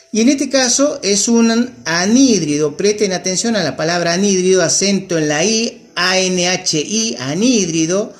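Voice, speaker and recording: A man teaching a chemistry lesson, patiently explaining steps and checking in with his students. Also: sits high. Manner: patient, checks with students, repeats key terms. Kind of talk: classroom lesson at a whiteboard.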